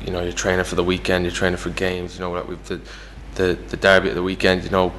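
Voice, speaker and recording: A young Irish footballer talks casually as an interview guest, full of fillers like "you know." His low voice is completely flat, fast and a bit bright, heard in a large hall with slight background noise.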